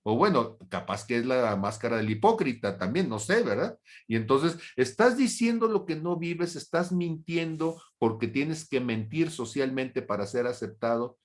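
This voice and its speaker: A man teaching a Bible study as a pastor, speaking deliberately, asking rhetorical questions and briefly acting out imagined exchanges in a raised voice. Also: medium pitch, lively intonation. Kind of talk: sermon.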